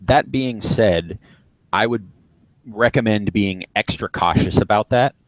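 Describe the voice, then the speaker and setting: A flight instructor with a fairly low voice gives an informal live lesson on radio procedures at a measured pace, explaining step by step and repeating points to stress them. The recording is low quality but has no echo.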